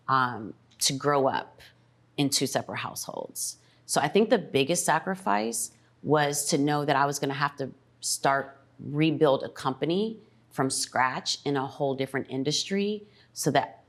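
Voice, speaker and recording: A middle-aged woman talking about family and sacrifice, reflective and a little emotional, pausing often to think. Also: rumbling low. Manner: reflective, pauses with ums. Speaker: mother, podcast guest.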